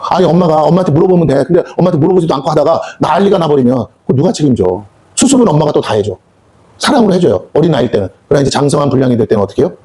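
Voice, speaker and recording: A man's voice: on the high side, lively intonation, rapid-fire, dark tone. A man preaching a sermon as pastor, emphatic and colloquial, firing rhetorical questions at the congregation in a church. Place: church sanctuary.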